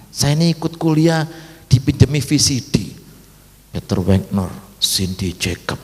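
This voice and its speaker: A male pastor delivering a lively, animated sermon with acted asides, in an old recording from a church. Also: a little high, slightly rough. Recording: old 2003 recording with long reverb.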